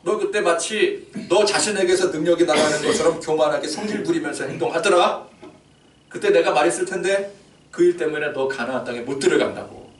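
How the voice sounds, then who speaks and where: A pastor doing God, low and fatherly. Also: flat delivery, normal speed, slight background noise. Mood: stern. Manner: soft, intimate, fatherly address. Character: God, calm elderly male divine voice. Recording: echoey church hall, distant mic.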